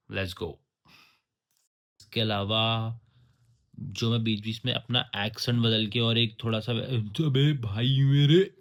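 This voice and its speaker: A man's voice: medium pitch, bright, forceful tone. A young man from India vlogging casually to camera in a joking, crude, self-mocking way. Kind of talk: casual vlog talk to camera.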